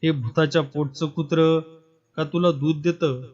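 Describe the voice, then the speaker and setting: A man's voice: on the high side, steady tone, moderate pace, darkish tone, lightly acted. A man doing a vengeful village watchman. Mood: threatening. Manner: rough, threatening. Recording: dull lo-fi with faint music.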